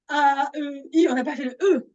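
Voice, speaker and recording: A woman's voice: sits high, a little mellow, dull audio. A woman leading a laughter yoga group, playful and coaxing, often breaking into laughter herself.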